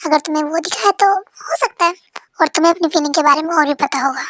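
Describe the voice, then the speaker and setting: A woman voicing a supportive young male best friend in a fan-dubbed story, calm and reassuring. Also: high-pitched, quick pace, dry recording, clean studio sound. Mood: encouraging.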